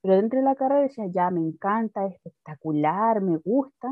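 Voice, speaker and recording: A woman's voice: medium pitch, animated, fairly quick, dry recording, narrow, tinny audio. A young woman in her twenties with a Chilean accent, telling her story in casual chat and laughing often. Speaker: guest.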